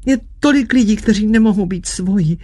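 A reader voicing a young woman in forbidden love, speaking softly and pleadingly in an audiobook. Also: no room sound, clean studio sound, close to an everyday voice. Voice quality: high, soft and breathy. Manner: pleading and emotional. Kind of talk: audiobook reading.

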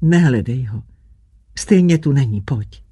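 A reader voicing a young man torn by forbidden love, speaking low, hushed and urgent in an audiobook. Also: lively intonation, slightly rough, no room sound, studio quality. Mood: tense. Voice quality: low, dark tone. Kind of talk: audiobook reading.

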